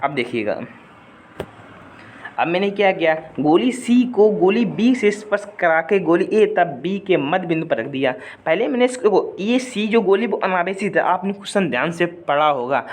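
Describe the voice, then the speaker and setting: Chatty male physics tutor, slightly high voice. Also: very animated, normal speed. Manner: chatty, repeats points, asks viewers to comment, hums a song line at times. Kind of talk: explaining worked numericals in a video lesson.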